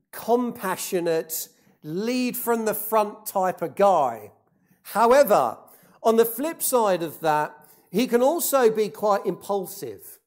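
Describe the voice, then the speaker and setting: A preacher with a medium-pitched, somewhat dark voice delivers a deliberate sermon. He repeats key phrases for emphasis and poses rhetorical questions to the congregation.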